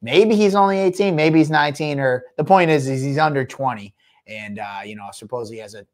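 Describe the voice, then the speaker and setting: A man's voice: medium pitch, a little fast. A man co-hosting a fight-promotion podcast, talking casually and rambling through fighter background stories, often laughing.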